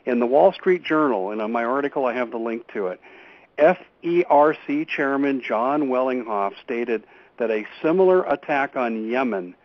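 A man's voice: medium pitch, animated, normal speed. Man urgently warning, over lo-fi radio. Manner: earnest, urgent warnings with frequent restarts. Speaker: radio show guest. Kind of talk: call-in radio interview. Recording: dull lo-fi radio audio.

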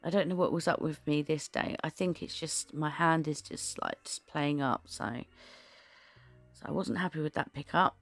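Low, gravelly woman narrating a nail tutorial. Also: steady tone, moderate pace, soft background music. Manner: chatty, rambling, many fillers and restarts. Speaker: nail art creator. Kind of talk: casual tutorial voice-over.

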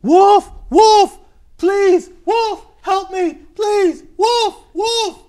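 A mischievous little shepherd boy who loves a prank, squealing and cackling in a voice pitched far above a grown man's. He taunts and jeers in a storytelling voice meant for children. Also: extremely slow, a little mellow, heavily acted. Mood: panicked.

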